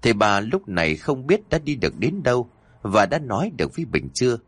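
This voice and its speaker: A man narrating a horror story in a suspenseful, expressive way. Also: mid-range voice, brisk, husky, no echo.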